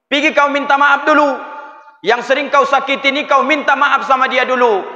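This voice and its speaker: A high-pitched, bright-toned preacher delivers a humorous sermon, telling stories and addressing the congregation directly. His voice carries a long reverb through a mosque hall. The recording sounds dull and muffled. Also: normal speed. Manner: lively storytelling, addresses the audience directly. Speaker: Islamic preacher.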